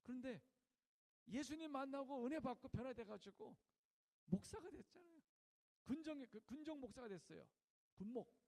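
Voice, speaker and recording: A man's voice: very high voice, animated, moderate pace, long pauses, darkish tone, big-room sound. A middle-aged male pastor preaching a sermon, asking the congregation questions and acting out prayers with a raised voice. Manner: asks the congregation questions and has them repeat after him.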